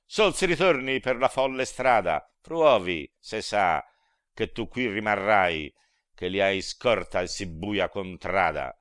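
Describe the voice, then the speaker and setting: A man's voice: lowish voice, expressive, slow pace, fairly bright tone, clean tone, dry recording, clean studio sound. A man voicing a chorus of angry fallen angels guarding a gate, declaiming indignantly in a raised voice. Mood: scornful. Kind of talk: dramatic poetry recitation.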